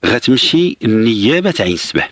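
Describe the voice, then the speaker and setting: A man's voice: medium pitch, sing-song, fast, fairly bright tone, dry recording. A Moroccan man hosting a radio call-in show, explaining options to a caller in a patient, reassuring way. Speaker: radio advice host.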